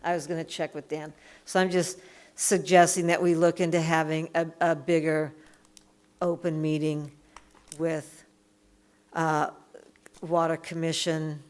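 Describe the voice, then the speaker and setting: A woman chairing a town selectboard meeting, speaking in a halting way with frequent restarts as she thinks aloud. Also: low-pitched, level tone, darkish tone. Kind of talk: town board meeting discussion.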